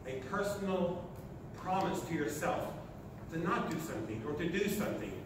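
At a sustainability meeting, a sixty-year-old American from Oklahoma addresses the audience with a motivational talk made of short, punchy phrases, in a high voice at a moderate pace. A camera at the back of the big lecture hall captures him from a distance, leaving the audio echoey and noisy.

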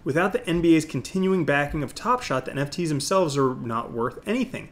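Middle aged crypto bro guy, voice a bit on the high side, casual salesy youtube commentary. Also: lively intonation, fairly quick. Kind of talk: opinionated crypto video commentary to camera.

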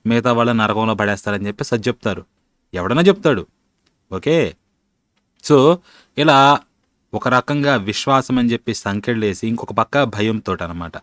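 A channel host offers critical commentary on religion, arguing colloquially and piling on rhetorical questions. His voice is on the low side with a fairly bright tone, in clean studio sound with no room noise.

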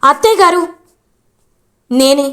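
A woman voicing an earnest young wife who calmly pleads and explains. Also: high voice, slow pace, exaggerated voice.

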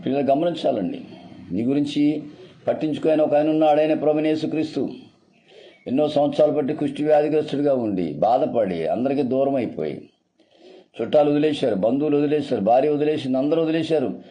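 A man's voice: on the high side, fast, mellow. A male pastor preaching a sermon earnestly, repeating phrases and calling his listeners beloved.

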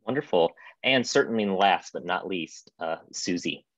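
A man's voice: sits low, expressive, moderate pace, fairly bright tone, dry recording. Upbeat man moderating a video panel. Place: home room with piano. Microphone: video call, earbuds. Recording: dry, dull video-call audio.

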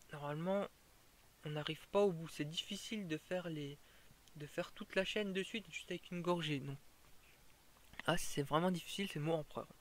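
A man with a slightly higher voice than usual talks through a fire-breathing tutorial. He explains it step by step, casual and informal, often stopping and restarting a sentence. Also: slight background noise.

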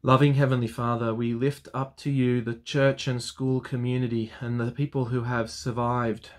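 Framed by a webcam at the desk in his indoor study with bookshelves, a thirty-something Anglican priest addresses his weekly vlog audience and guides them through a spoken prayer. He speaks at a medium pitch that barely moves, earnest and solemn, in a measured cadence.

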